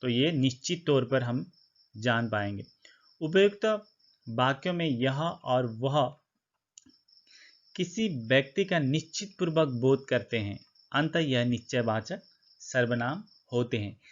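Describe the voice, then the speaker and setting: Male teacher, mid pitch, patient step-by-step explainer, slightly dull recording. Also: animated, slow, pauses often. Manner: explains step by step, repeats points, asks and answers his own questions. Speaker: Hindi grammar teacher. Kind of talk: classroom-style grammar lesson.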